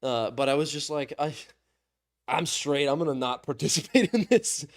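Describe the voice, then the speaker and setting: A man's voice: on the high side, moderate pace, no room sound. A young man co-hosting a casual podcast, telling stories with lots of laughter and acting out the voices of people he quotes. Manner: animated storyteller, acts out quoted voices, laughs often. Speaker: podcast co-host. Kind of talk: casual chat.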